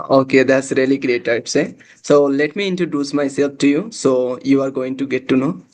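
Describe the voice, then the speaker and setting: A man's voice: mid-range voice, fairly even intonation, moderate pace, darkish tone. Hesitant man hosting a chat. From Nepal. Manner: hesitant, many uh fillers. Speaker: host. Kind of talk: casual conversation practice.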